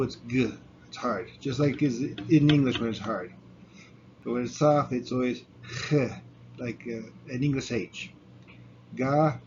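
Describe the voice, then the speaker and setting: A man's voice: medium pitch, a little mellow. A man teaching a language pronunciation lesson, patiently sounding out syllables and asking the listener to repeat. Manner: patient, repeats syllables slowly, chuckles at own slips. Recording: dull lo-fi sound, faint room noise.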